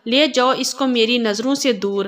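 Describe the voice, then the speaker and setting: A woman's voice: fairly high pitch, close to an everyday voice. A woman doing a stern, angry young husband. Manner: shouting commands.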